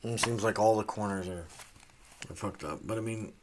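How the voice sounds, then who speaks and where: A man's voice: fairly low pitch, normal speed, a little hiss or hum. A man casually unboxing comics, rambling, trailing off and swearing offhandedly. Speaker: comic unboxing channel host.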